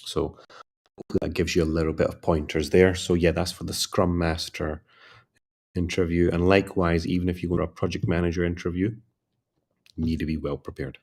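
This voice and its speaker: A man hosting a casual livestream as a career coach, tired and yawning, talking in a relaxed, rambling way and repeating requests to like and subscribe. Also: sits low, fairly quick.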